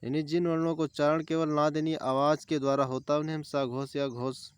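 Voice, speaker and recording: Male tutor, exam-prep grammar class, clear smooth voice, repeats terms and lists examples. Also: a little high, little pitch movement, a little fast, no room sound. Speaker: teacher.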